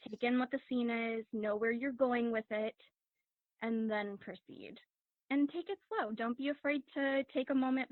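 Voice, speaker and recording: A woman's voice: fairly high pitch, no echo. Woman with tinny, dry call audio. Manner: instructive, encouraging, measured. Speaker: drama instructor. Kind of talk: casual advice chat.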